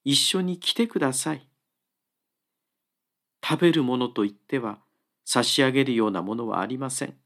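A man's voice: mid-range voice, normal speed, creaky, pauses often, fairly bright tone. A man voicing an earnest, humble woodcutter who speaks politely and urgently, begging a traveller to come with him. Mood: pleading. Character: anxious earnest male woodcutter, humble and pleading.

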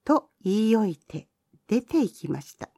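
A woman reads a children's folk tale aloud with a gentle, lively lilt. Her voice rises and falls a lot, and it is recorded close and dry. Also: medium pitch, unhurried, gravelly, husky, no echo. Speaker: storyteller.

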